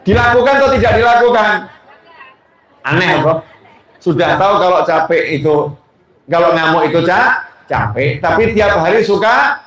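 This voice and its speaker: Male preacher, high voice, slow teasing delivery, very echoey hall. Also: fairly bright tone. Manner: asks the audience questions, teasing. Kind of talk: sermon.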